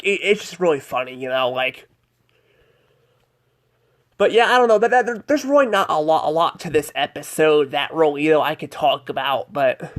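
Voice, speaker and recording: A man's voice: on the high side, fairly bright tone. A man giving a casual spoken review of a cartoon episode, rambling and hesitant, filling gaps with "like" and "I don't know".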